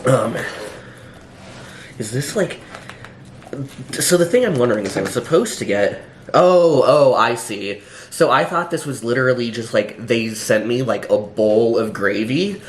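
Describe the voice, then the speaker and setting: Here a man with a medium-pitched, expressive voice talks a little slowly while hungover, reviewing food casually and without a script. Expect rambling, hesitation, dry sarcasm, and plenty of filler words, plus roomy echo and faint background noise.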